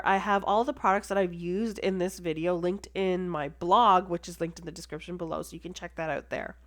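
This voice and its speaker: A woman with a stuffy, congested voice, chatting enthusiastically as she talks through making a card. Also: lowish voice. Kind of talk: casual crafting tutorial voice-over.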